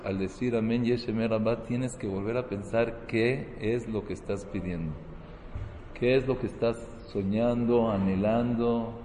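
A man's voice: lowish voice, dark tone, reverberant, in a large hall, slight background noise, low-quality recording. A man giving a sermon as a rabbi, mixing Hebrew terms into his talk and building to emphatic, rising peaks.

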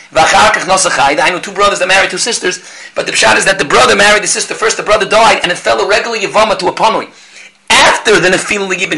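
Man, religious text lecturer, high pitch, piercingly bright tone, animated, step-by-step explanation. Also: creaky, low-quality recording. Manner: animated, asks and answers rhetorical questions. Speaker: Talmud teacher.

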